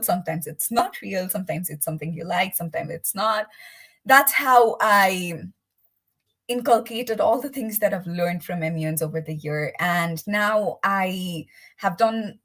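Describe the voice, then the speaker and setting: A young woman from Nepal introducing herself on an online panel, earnest and rambling a little, with restarts. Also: lowish voice. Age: young adult.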